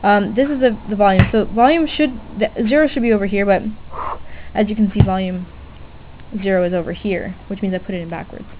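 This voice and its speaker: Speaking at medium pitch and a little fast, a DIY electronics hobbyist chats her way through an unscripted demonstration, hesitating and fixing her own wording as she goes. Background noise sits under tinny, lo-fi webcam-style audio.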